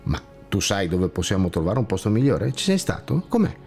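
A man's voice: on the low side, big pitch swings, a little fast, a little mellow, soft background music. A man voicing a weary, anxious blind man who asks plaintive questions while searching for a better place, in a storybook tale.

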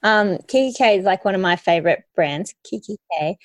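A woman's voice: mid-range voice, animated, fairly quick, no room sound. Australian woman chatting, close dry sound. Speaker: podcast co-host. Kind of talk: casual chat with anecdotes.

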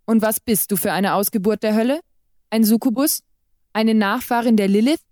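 A woman's voice: a little high, normal speed, a little mellow, no room sound, studio quality, lightly acted. A woman voicing a deranged man posing as an exorcist priest, fanatical and menacing, who snaps his accusations. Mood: fanatical menace. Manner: snapping, zealous.

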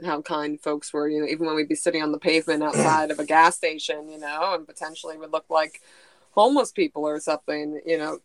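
A woman with a somewhat low voice speaks as a podcast guest from home. She talks in a thoughtful, soft-spoken way. The recording is dry and close. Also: little pitch movement, fast, no echo, rough recording. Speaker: podcast guest, thru-hiker. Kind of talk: casual chat.

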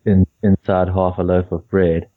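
A man from Africa, co-hosting a podcast in relaxed, chatty talk that often repeats words as he gets going. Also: low-pitched, moderate pace. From South Africa. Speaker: podcast co-host. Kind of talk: casual chat. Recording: tinny phone-like line.

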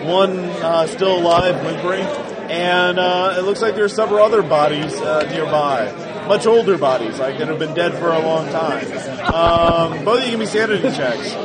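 A loud crowd surrounds a man with a high-pitched voice. He works as game master, narrating a tabletop game in a halting, improvised way. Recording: loud crowded convention hall chatter.

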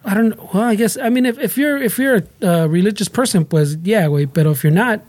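A man's voice: high voice, brisk, darkish tone, dry recording. A man with a Mexican American accent chatting casually in a podcast, swearing, repeating words and slipping Spanish slang into his English.

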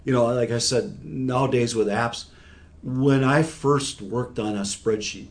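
Speaking a little slowly in a steady, mid-range voice, a man in his sixties takes part in an interview as an expert guest. He explains things patiently and conversationally, using examples from everyday life.

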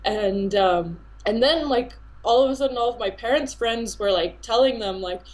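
A woman's voice: fairly high pitch, normal speed, low-quality recording. A woman in her thirties, a dancer and dance teacher born in India, answering interview questions in a chatty way with many fillers and restarts. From born in India, raised between India and America.

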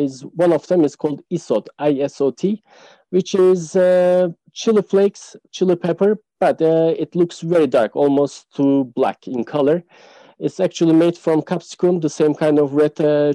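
Man, very dark mellow voice, dry close sound, explains food with many fillers. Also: a little high, dry recording, rough recording. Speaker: tour guide guest. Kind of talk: casual podcast interview.

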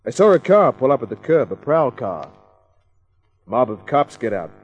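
An actor playing a hard-boiled private eye, who narrates and trades dry cracks in a vintage radio drama. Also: male voice, medium pitch, very animated, moderate pace, darkish tone, breathy edge, muffled recording, faint music behind. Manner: dry, wisecracking. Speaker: narrator and lead. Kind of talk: 1940s radio acting.

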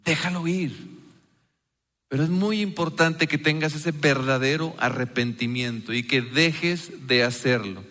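A man's voice: mid-range voice, unhurried, hardly any pauses, pushed and bright, big-room sound. A man preaching a sermon, speaking earnestly and putting rhetorical questions to his congregation. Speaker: pastor.

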